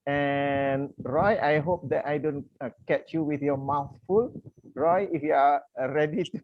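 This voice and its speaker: A man's voice: on the high side, measured pace, a little hiss or hum. Male coach hosting a video call, polite, filler-heavy delivery, muffled line. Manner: frequent "uh" fillers and restarts, courteous. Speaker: coach hosting an online session. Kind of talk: welcoming, explanatory talk with fillers. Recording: dull lo-fi video call audio.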